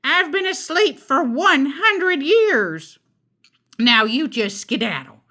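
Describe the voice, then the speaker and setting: A woman voicing a cranky old witch who shouts and grumbles, her voice croaking and screechy. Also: high-pitched, sing-song, slow, voice pushed up, full character voice. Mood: furious.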